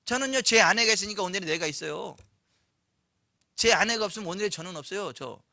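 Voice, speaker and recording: A man preaching a Sunday sermon, telling a story with lively acted-out voices and questions to the congregation. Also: high-pitched, fast, gravelly, no room sound, studio quality. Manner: animated storytelling, acts out quoted voices, asks the congregation questions. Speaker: pastor. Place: church sanctuary.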